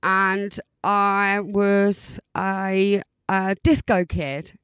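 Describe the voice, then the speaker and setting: A woman from Essex, with the local accent, hosts an informal podcast monologue. Her voice is clean and smooth, sitting a little low, in a very dry recording. She chats hesitantly, repeating words to underline them. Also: dry recording. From Essex, England. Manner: chatty, hesitant, often repeating words for emphasis. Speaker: podcast host.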